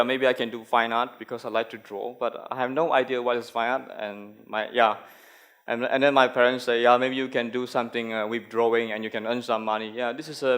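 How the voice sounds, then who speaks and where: A man's voice: mid-range voice, a bit bright. A young Malaysian man, a graphic designer, giving a conference talk with many fillers and restarts.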